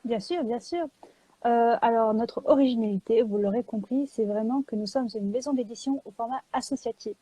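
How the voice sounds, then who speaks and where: A woman publisher and illustrator talking in a live video chat, lively and joking, filling gaps with small words. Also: fairly high pitch, normal speed, no echo, low-quality recording. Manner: lively and joking, with many fillers.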